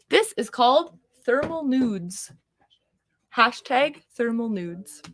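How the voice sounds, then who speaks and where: A woman's voice: a little high, a bit bright, rough recording. A woman hosting a live auction, chatting casually in an effusive, exclamatory way. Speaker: auction host.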